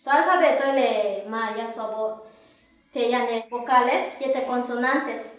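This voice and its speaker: A young woman from Yucatán, Mexico, reads out letter lists slowly and carefully in a high voice. She sounds distant, caught in a very echoey room. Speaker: language teacher. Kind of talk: teaching lesson. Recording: echoey room, far from mic.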